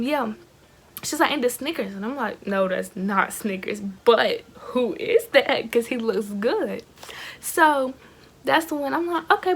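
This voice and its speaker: Gossipy teen girl, high creaky voice. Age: teenager, fifteen. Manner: slangy, animated asides to viewers. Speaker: YouTube storytime vlogger. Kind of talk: casual gossipy storytime chat.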